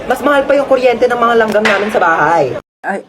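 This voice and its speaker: A woman's voice: fairly high pitch, expressive, a little fast, noisy background. A woman performing comedy skits, dramatic and over the top, switching between characters. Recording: music playing clearly behind.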